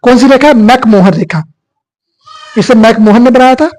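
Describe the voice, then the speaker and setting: A man's voice: very high-pitched, normal speed, a little mellow, low-quality recording. A male teacher giving an exam coaching lecture, asking questions and answering them himself. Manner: repetitive call-and-response questioning.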